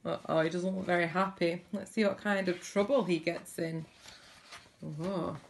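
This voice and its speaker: A woman's voice: on the low side, fairly even intonation, measured pace, a little hiss or hum. A woman reading a picture book aloud to children, adding chatty asides between the lines. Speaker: storybook reader.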